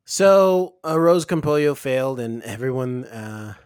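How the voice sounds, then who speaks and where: A man co-hosting a podcast in casual chat, recapping scenes and agreeing quickly. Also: mid-range voice, lively intonation, darkish tone, clean tone, no room sound, clean studio sound. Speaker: podcast co-host.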